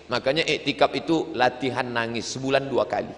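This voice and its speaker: A middle-aged man preaching a humorous sermon with animated storytelling, breaking into sung verses. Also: mid-range voice, brisk. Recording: long hall reverb.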